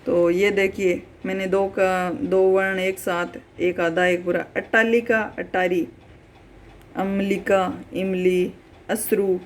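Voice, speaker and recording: A woman's voice: medium pitch, little pitch movement, a little hiss or hum. Patient woman teaching exam prep. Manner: explains patiently, repeats words and examples, addresses viewers as friends; spells out word pairs slowly. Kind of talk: online exam-prep lesson.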